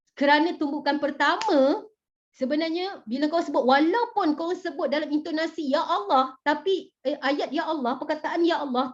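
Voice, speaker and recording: A woman with a bright, high voice leads a religious motivational talk. She is animated and chatty, and she keeps turning questions back to her listeners. The recording sounds dull and muffled. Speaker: motivational speaker.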